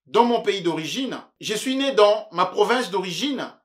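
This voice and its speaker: A middle-aged man from Congo speaks, his voice sitting noticeably high for a man. He delivers an earnest monologue to camera as a leadership coach. His phrasing builds in a measured, preacher-like rhythm. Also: expressive. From Democratic Republic of the Congo. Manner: measured, preacher-like rhetorical cadence. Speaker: leadership coach and show host.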